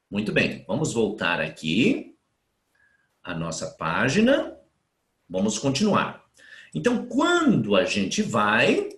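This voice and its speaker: A man gives a live online language lesson and works through each example slowly and patiently. His pitch rises and falls widely as he explains. The room around him is echoey. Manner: patient, explains step by step and reads out student questions. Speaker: German teacher.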